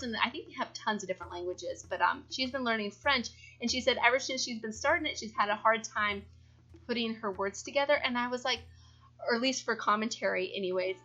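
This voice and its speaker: Young woman, chatty vlog voiceover, bright and rambling, a bit high, slightly dull recording with soft music. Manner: rambling, giggly, with many fillers. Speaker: YouTube build creator.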